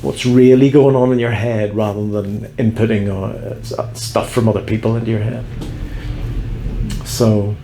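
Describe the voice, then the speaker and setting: A man vlogging from a cable car on a mountain, rambling reflectively and gently mocking himself. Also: on the low side, fairly even intonation, unhurried, reverberant, a little hiss or hum. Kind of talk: musing vlog monologue.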